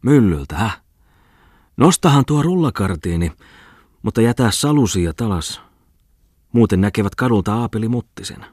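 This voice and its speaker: A man's voice: fairly low pitch, lively intonation, pauses often, a little mellow, breathy edge, dry recording, clean studio sound, voice pushed up. A man voicing a fat, drowsy male bookseller who grumbles from his bed, exclaiming and yawning. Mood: grumbling.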